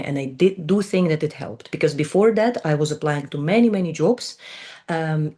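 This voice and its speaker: A Ukrainian woman in her twenties, whose first language is Russian, speaks fluent but non-native English as a guest in a casual interview. Her voice sits low and is a little mellow, and she often says um and repeats words.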